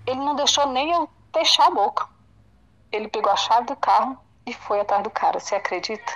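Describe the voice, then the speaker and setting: A Brazilian woman giving an emotional personal testimony in an interview, halting and repeating herself as she acts out past conversations. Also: on the high side, fairly bright tone, poor audio. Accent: Brazilian Portuguese.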